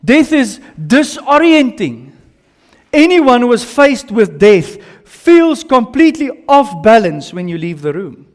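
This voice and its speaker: A man with a very high, sing-song voice and an Afrikaans South African accent preaches slowly, in short, emphatic phrases. He repeats himself and puts questions to his listeners during a sermon with slides and audience questions. The recording has a long hall reverb.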